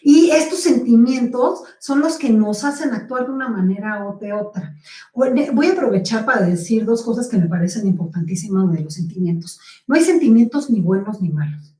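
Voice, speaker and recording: A middle-aged woman lectures on personal development in a fairly high voice. She explains patiently and keeps checking in with her listeners. Her voice sounds roomy and set back from the microphone. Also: lively intonation, moderate pace, dark tone. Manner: explanatory, addresses audience with frequent check-ins. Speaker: speaker on communication. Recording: roomy, distant from the mic.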